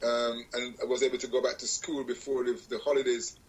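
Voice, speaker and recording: Speaking a little fast in a flat, slightly rough mid-range voice, a Jamaican guest musician rambles through his life story on a radio show. It's a casual interview where he corrects himself and laughs at his own jokes, captured in a low-quality recording.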